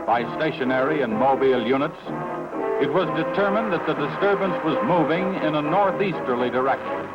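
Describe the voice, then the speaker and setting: A man's voice: on the high side, lively intonation, brisk, lightly acted. A man playing a sober, official narrator, reading vintage documentary-style film narration in a formal, matter-of-fact way. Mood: grave, official. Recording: muffled old film track, loud music.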